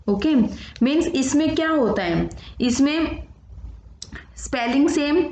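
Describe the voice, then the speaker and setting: A woman teacher giving an exam-prep lesson, explaining slowly and repeating each point, with English terms mixed in. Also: fairly high pitch, darkish tone. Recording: roomy, dull lo-fi sound with faint noise.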